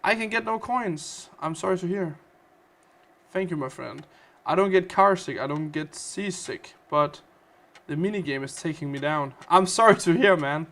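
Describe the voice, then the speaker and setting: A Danish-accented man hosts a casual gaming livestream. He chats playfully with viewers, answering their comments. His voice sits a little high for a man. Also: normal speed, a bit bright. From Denmark. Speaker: livestream host.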